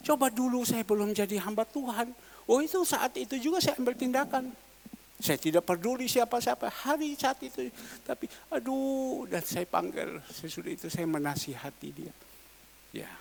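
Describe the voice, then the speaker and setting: A male pastor from East Nusa Tenggara, preaching a sermon. He repeats his exclamations and swings from quiet asides to loud declarations. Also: very high-pitched, expressive, moderate pace, gravelly. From East Nusa Tenggara, Indonesia.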